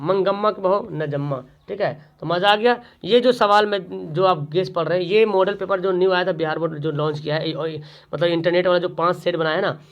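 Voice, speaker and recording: A man's voice: high voice, highs cut off. A man, tutoring students through exam questions, repeating each question and then answering it himself.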